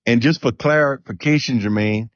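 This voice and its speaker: A man hosting a relationship talk show, asking measured, probing questions. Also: mid-range voice, dry recording, highs cut off. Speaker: host. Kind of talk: interviewing panelists.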